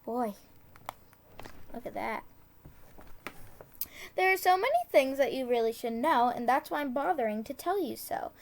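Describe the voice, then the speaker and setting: Reading a tongue-twister book for children, a woman with a high-sitting voice goes deliberately, now and then fixing a stumble and dropping in casual asides.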